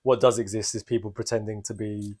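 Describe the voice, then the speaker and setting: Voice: mid-range voice, level tone, fairly quick, a little mellow, husky. A podcast co-host chatting casually and comedically, with a jokey, sarcastic, slangy way of talking.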